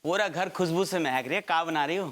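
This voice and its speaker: A man's voice: fairly high pitch, quick pace, fairly bright tone, no echo, natural voice. An actor playing a man disguised as a cheeky, teasing woman lodger in a TV comedy.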